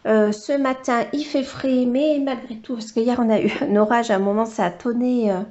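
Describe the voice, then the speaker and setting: A woman's voice: a little high, steady tone, normal speed, darkish tone, muffled recording. A woman vlogger chatting casually while she colors, hesitant and full of filler sounds, now and then cooing to her dog in baby talk. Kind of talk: casual coloring vlog chat.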